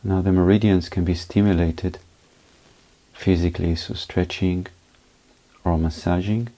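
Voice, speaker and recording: In a low-quality recording, a man leads a guided meditation as a teacher, his low, mellow voice moving through short, unhurried phrases with pauses in between.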